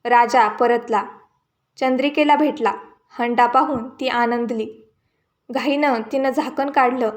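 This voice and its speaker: A woman narrating a devotional folk tale in a steady, measured reading voice. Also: a little high. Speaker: storyteller.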